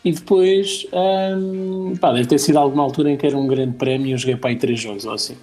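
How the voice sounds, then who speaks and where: A man's voice: mid-range voice, quick pace, warm tone, faint music behind. A man with a European Portuguese accent chatting casually as a co-host, telling anecdotes in a rambling, self-deprecating way. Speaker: talk show co-host.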